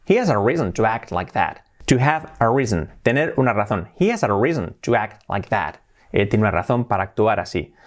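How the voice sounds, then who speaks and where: In a video lesson, a Spanish man with a lowish voice teaches English, giving his explanations in Spanish and pronouncing the English phrases slowly and clearly.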